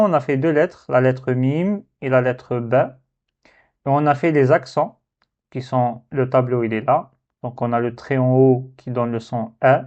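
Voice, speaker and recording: A man's voice: mid-range voice, a little mellow. A man teaching a recorded reading lesson, patiently stretching and repeating syllables for learners. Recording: slightly dull lo-fi recording.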